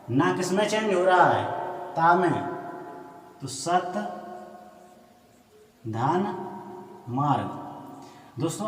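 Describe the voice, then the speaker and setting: A man giving a whiteboard grammar lesson, asking himself questions and answering them, stretching out key words. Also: high voice. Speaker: grammar teacher. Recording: echoey room, voice from far off.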